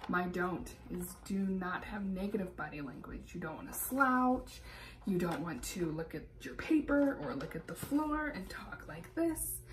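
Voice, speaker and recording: A young woman with an American accent, a youth club staff member giving an upbeat, expressive instructional talk to young people, with some ums along the way. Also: medium pitch, slight background noise, low-quality recording.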